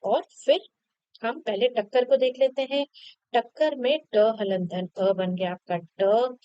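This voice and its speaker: A woman teaching children a worksheet lesson, patient and repetitive as she breaks each word into its letters. Her voice is smooth and clear. The recording is dry and a little muffled. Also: a little high, measured pace, dark tone, no echo.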